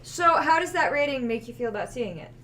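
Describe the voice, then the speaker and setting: A woman's voice: sits high, expressive, a little fast, fairly bright tone, far from the mic. A woman talking earnestly in a casual group movie discussion. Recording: off-mic with faint room noise.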